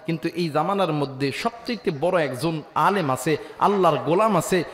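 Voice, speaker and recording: Man, high-pitched, sermon preacher, sing-song drawn-out calls. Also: roomy sound, in a large hall. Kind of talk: chanted Islamic sermon storytelling. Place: outdoor religious gathering.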